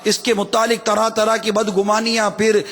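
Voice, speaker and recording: A male preacher with a very high, bright, ringing voice delivers an emphatic sermon. He drives his points home with repeated phrases and rhetorical questions, and his words trail off into the long reverb of a big hall. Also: animated.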